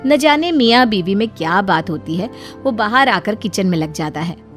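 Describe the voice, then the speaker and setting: A woman giving steady, scripted narration for a cartoon moral story. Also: medium pitch, normal speed, faint music behind.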